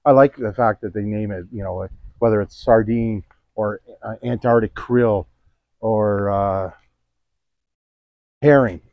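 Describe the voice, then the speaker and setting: Older man, low hoarse voice, halting casual review, muffled dry lo-fi recording. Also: fairly even intonation, no echo. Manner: halting, pauses mid-sentence to find words. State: hoarse from a cold, voice cracking upward. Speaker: pond keeper reviewing fish food. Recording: dull lo-fi, dry sound.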